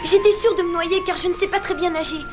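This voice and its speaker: A woman's voice: extremely high pitch, fairly even intonation, quick pace, music in the background. A woman voicing a frightened young woman castaway in a French cartoon dub, telling her story earnestly. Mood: grieving.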